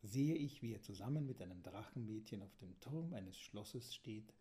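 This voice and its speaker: A man reading a children's story aloud in a calm, gentle way, sometimes dropping to a whisper. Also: lowish voice, moderate pace.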